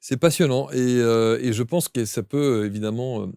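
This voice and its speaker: A man's voice: medium pitch, normal speed, dark tone, clear, resonant tone, no echo, clean studio sound. A man interviewing a guest, asking questions with many hesitations.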